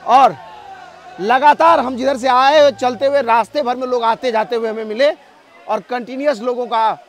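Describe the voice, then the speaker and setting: High-voiced man vlogging outdoors. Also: moderate pace, some chatter behind. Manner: lively, addresses viewers directly, chats with passers-by. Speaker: travel vlogger. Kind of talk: on-location travel vlog commentary. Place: outdoors on a forest trail by a waterfall. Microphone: camera filmed by a companion while walking.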